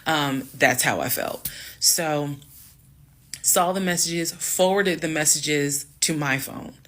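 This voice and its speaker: A woman's voice: low-pitched, slow. A woman telling her own story to her viewers in a casual, blunt, matter-of-fact way, swearing now and then. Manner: calm, matter-of-fact retelling. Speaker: storytime vlogger.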